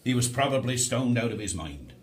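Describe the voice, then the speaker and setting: Gruff sarcastic police sergeant, radio drama, lively up-and-down delivery. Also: male voice, mid-range voice, a little fast. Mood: grumpy. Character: grumpy sarcastic middle-aged male police sergeant.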